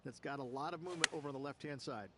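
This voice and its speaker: A man's voice: mid-range voice, very fast. A man giving explanatory golf commentary as a course analyst in a video game broadcast. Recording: loud ambient noise behind.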